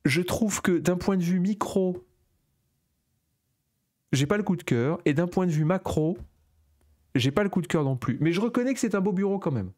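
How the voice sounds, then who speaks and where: A man's voice: high-pitched, animated, moderate pace, long pauses, darkish tone. Playful French man, mock rants. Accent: Parisian-region French. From France. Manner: playful, exaggerated storytelling. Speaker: panel judge. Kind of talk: comedic casual commentary.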